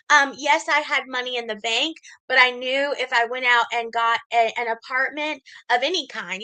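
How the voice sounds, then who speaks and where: High bright lady in her 40s, rambly chatty story, does little voices for people she quotes. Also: rough recording. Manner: chatty, acts out quoted voices with big pitch jumps. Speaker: host. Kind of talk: casual storytelling livestream.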